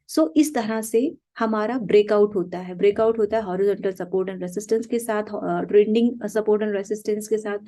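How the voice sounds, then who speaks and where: A woman's voice: a little high, mellow. A woman teaching stock trading, explaining points over a chart in a patient way, often saying "okay" and asking questions herself before she answers them.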